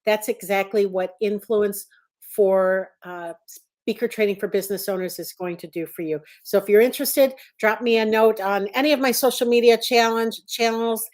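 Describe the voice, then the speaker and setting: A woman hosts a podcast interview, chatty and encouraging as she draws out her guest. Her voice sits at an ordinary middle pitch for a woman. She is speaking over a video call. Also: fairly even intonation, moderate pace, darkish tone. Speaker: podcast host. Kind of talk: conversational interview hosting.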